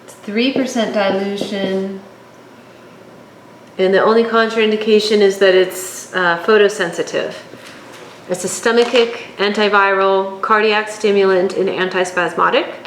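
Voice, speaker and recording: A woman teaching a course, working through her notes at an unhurried pace with occasional fillers. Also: medium pitch, fairly even intonation. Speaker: instructor. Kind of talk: lecture on herbal oils. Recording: echoey room, faint background hum.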